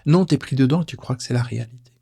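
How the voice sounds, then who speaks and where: This personal development teacher has a mid-range voice that's rapid-fire, creaky, mellow and husky. In a casual teaching video, he addresses the listener directly with an informal, playful style.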